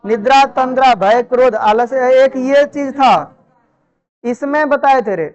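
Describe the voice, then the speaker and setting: A woman teaching Sanskrit grammar in a classroom, firing repeated questions at her pupils and gently scolding them. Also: sits high, measured pace, muffled recording. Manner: drills students with repeated questions and answers; chiding, familiar address to pupils. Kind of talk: live classroom teaching in Hindi. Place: classroom with students.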